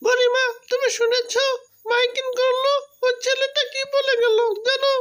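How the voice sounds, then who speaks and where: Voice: very high-pitched, flat delivery, normal speed, fairly bright tone. A performer voicing an anxious, caring young fox in a cartoon, speaking earnestly and urgently. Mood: worried. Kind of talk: cartoon voice acting.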